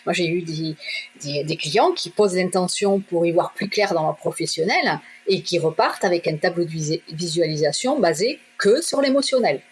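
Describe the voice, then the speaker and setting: A middle-aged woman from southwest France, a shop owner, telling her own story in a direct, lively way and acting out the dialogue. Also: fairly low pitch, normal speed, slight background noise. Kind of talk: animated personal storytelling.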